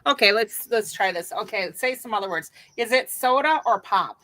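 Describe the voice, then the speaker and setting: A woman's voice: medium pitch, animated, moderate pace, pushed and bright, no echo. Middle-aged woman, Minnesota accent. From Minnesota and Wisconsin, upper Midwest. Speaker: live stream host. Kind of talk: casual chat.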